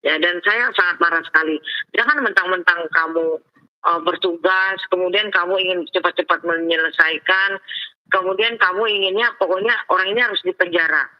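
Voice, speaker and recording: An indignant woman lawyer recounts her case in a forceful, lecturing voice. Her words come through a dull, lo-fi phone line that flattens the sound. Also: lowish voice, brisk. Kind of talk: heated phone interview account.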